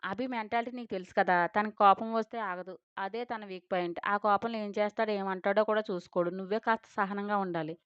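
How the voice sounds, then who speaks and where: A woman voicing a blunt, teasing young female best friend who scolds loudly and then gives gentle advice, in a storybook reading. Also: medium pitch, fairly even intonation, fairly quick, clean tone, dry recording, lightly acted. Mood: soothing. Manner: loud scolding chatter, then soothing advice. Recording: dull lo-fi dry recording.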